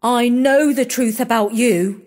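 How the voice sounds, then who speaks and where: A narrator voicing a bossy, bad-tempered elder sister who scolds and domineers in a shrill, high voice. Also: unhurried, a little mellow, lightly acted. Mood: accusing. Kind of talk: storybook character voice.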